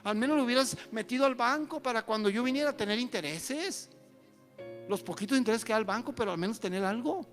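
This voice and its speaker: A preacher acting out an angry vineyard owner. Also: male voice, very high voice, animated, fast, a bit bright, soft background music, pitched above the performer's own voice. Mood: indignant scolding. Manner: indignant, raised scolding voice. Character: angry male vineyard owner scolding a servant.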